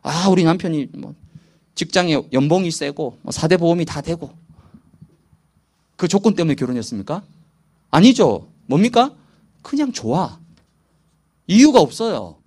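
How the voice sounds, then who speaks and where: Lively, animated Korean pastor. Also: male voice, normal speed, long pauses, husky. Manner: asks the audience questions and answers them himself; lively, animated rises and drops in pitch. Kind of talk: church new-member training talk.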